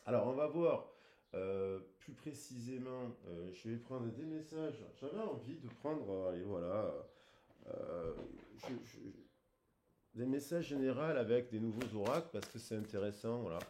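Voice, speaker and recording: Hesitant man reading oracle cards, mellow tone. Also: mid-range voice, animated, slight background noise. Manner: hesitant, many filler pauses, gentle advice. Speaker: tarot card reader. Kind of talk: casual spoken card reading.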